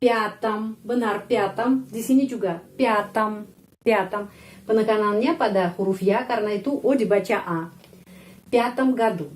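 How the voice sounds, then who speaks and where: A woman teaching a language lesson, explaining step by step and repeating each example word slowly and carefully. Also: mid-range voice, a little hiss or hum. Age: adult.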